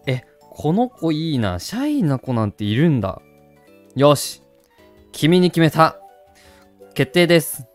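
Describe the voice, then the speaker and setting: A man hosting a gaming channel, chatting casually and doting on a virtual puppy while reading the game text aloud. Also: fairly high pitch.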